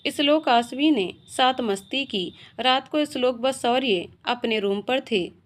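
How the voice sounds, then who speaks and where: A woman's voice: high-pitched, measured pace. A woman reading an emotional romantic story aloud, narrating and voicing every character herself.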